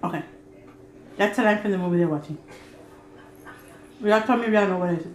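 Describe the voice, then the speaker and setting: A woman's voice: mid-range voice, brisk, reverberant, slight background noise. A woman hosting a casual eating-show vlog, chatting and joking while she eats. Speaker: vlog host.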